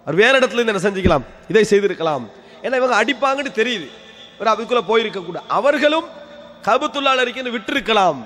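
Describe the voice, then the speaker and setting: A man's voice: high-pitched, a bit bright. A man giving a weekly religious lecture in a mosque. He tells a history as a story, asking rhetorical questions and answering them himself, and he repeats key phrases. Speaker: preacher. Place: mosque hall. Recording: long hall reverb.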